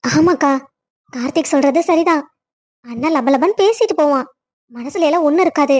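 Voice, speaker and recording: A woman's voice: high voice, moderate pace, a little mellow, lightly acted. A woman voicing a younger sister in a cartoon story, coaxing and insistent.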